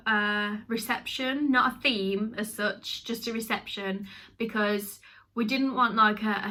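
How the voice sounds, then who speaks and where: Chatty bright-voiced young woman from the UK. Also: mid-range voice. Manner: chatty, laughs often, many fillers. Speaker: vlogger. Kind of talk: casual chat to camera.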